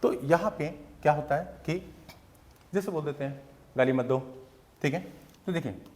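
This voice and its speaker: A man with a Hindi accent teaching spoken English, explaining slowly and repeating each phrase in Hindi and English. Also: on the high side. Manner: slow and patient, repeating phrases, switching between Hindi and English.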